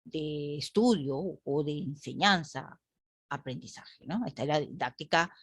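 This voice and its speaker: A woman's voice: deep voice, a little slow, breathy edge, no echo, studio quality. A woman teacher lecturing a class online, asking the group rhetorical questions and often adding "¿no?".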